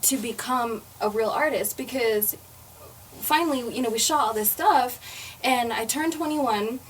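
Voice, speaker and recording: A woman in her twenties from the United States, a singer telling her story as a guest in a casual podcast interview, animated and joking with viewers. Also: a little high, a little slow. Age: 20s. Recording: somewhat distant mic, faint background noise.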